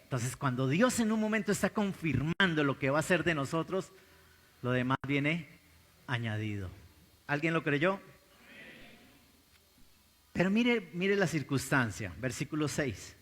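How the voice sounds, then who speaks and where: Colombian pastor guy preaching, kinda high voice, loud then quiet, long echo off the church hall. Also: animated, unhurried, pauses often. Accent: Colombian Spanish. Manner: preaching with big swings from loud exclaims to low intense asides. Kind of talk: sermon. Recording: live church recording with long hall reverb.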